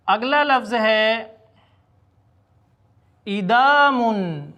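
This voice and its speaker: High, bright-voiced male Arabic teacher. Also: expressive, highs cut off. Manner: says each Arabic word slowly and repeats it, then explains its meaning. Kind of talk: vocabulary lesson in Urdu.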